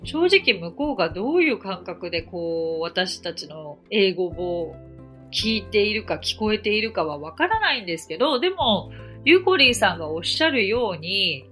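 On her English-learning podcast, a Japanese woman who teaches English explains phrases using everyday examples. Her mid-range voice is a bit bright, and her style is chatty and encouraging.

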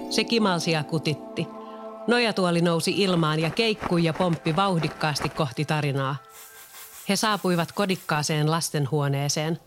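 A narrator reading a scripted children's story in a clear, even manner. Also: medium pitch.

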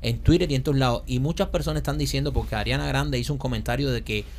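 A man talking fast on a podcast, stringing together long joking setups and side stories. His voice sits at a mid male pitch, and he keeps rolling from one aside to the next without much pause. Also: creaky, darkish tone, a little hiss or hum. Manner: rambling storyteller, piles on setups. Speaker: podcast co-host. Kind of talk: casual comedic banter.

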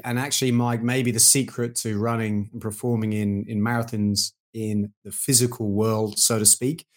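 A man co-hosting a podcast, talking conversationally in long, discursive sentences. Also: medium pitch. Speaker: podcast co-host.

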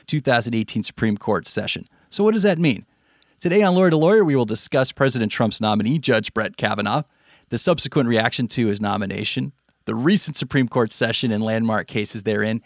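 A man's voice: medium pitch, no echo, clean studio sound. A man with an American accent hosting a podcast from a script. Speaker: stand-in podcast host.

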